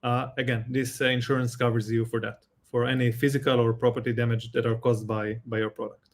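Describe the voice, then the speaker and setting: A man with an Israeli accent, a guest expert in a live Q&A, explaining calmly with examples and halting rephrasing. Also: mid-range voice, slight background noise.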